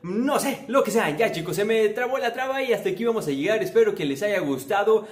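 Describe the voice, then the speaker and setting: High-voiced playful man. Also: animated, brisk. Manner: playful, chatty, jokey. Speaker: vlogger. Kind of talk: casual vlog talk to viewers. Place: at home during quarantine. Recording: echoey room.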